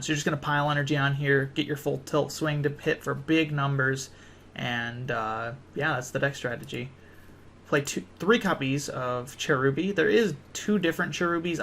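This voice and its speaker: A tired young man talks casually through a card game deck, his voice gravelly and full of fry. He rambles, restarts his sentences and fills the gaps with ums. A faint hiss of noise sits under the recording. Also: medium pitch, a bit bright.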